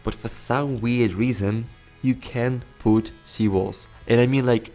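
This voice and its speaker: A young man hosting a let's play rambles casually over a city-building game, often correcting himself and chuckling. His mid-range voice is steady, unhurried, and darkish, with soft music playing behind him.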